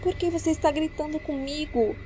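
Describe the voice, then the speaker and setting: A woman voicing a defensive young fiancée who turns sharp and indignant, in an audiobook reading. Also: high-pitched, fairly even intonation, brisk, pitched above the performer's own voice, natural voice. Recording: dull lo-fi with faint music.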